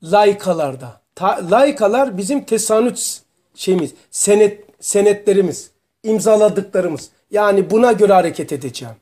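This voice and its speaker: A man teaching a religious study group, explaining terms slowly and asking his students questions. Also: high voice, lively intonation, dark tone. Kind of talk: religious lesson to a small group.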